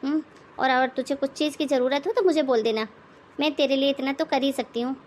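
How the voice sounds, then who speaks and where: A woman voicing an outspoken elder daughter-in-law in an animated moral story, lecturing and sarcastic. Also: sits high, brisk, a little hiss or hum, natural voice.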